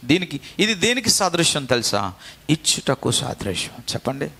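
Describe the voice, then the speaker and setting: Bright-voiced preaching pastor. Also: male voice, fairly high pitch, animated, normal speed. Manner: preaching with call-and-response to the congregation; repetitive, exhortative delivery. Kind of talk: sermon.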